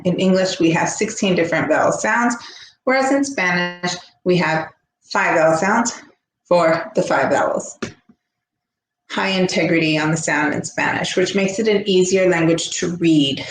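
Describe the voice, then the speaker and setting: A woman with a fairly low voice explains her lesson step by step, often pausing to ask "right?" as she goes. She sounds like she is in an echoey room with a faint hum behind her. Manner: explanatory, frequent "right?" check-ins. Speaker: teacher educator. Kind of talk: recorded lecture.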